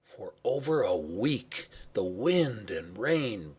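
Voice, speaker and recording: A man reading a children's story aloud with expressive, varied pacing and some hushed passages. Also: fairly low pitch, slow, husky. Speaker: narrator.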